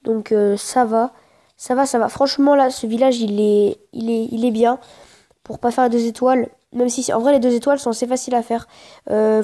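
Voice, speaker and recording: Casting: female gamer, higher-pitched yet soft-toned, casual play-by-play, slangy grumbler who repeats herself while thinking. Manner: informal slangy speech, often swearing in frustration; hesitant, repeats phrases while thinking aloud. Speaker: gaming video creator. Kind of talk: casual live gameplay commentary.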